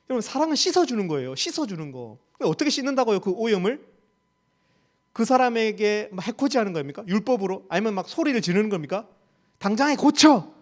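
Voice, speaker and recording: Lively high-voiced Gyeongsang man preaching. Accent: Gyeongsang Korean. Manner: emphatic, rhetorical questions, repeats key phrases. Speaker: campus ministry staff preacher. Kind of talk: sermon.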